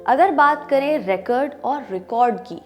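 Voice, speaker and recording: A woman teaching English pronunciation, speaking clearly and deliberately, and slowing down when she reads out English example sentences. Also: high voice, lively intonation, music in the background. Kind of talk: explaining pronunciation in a lesson.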